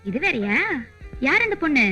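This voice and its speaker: An actress playing a playful, teasing sister-in-law in an old film. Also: female voice, high-pitched, big pitch swings, normal speed, bright, forceful tone, faint music behind, exaggerated voice.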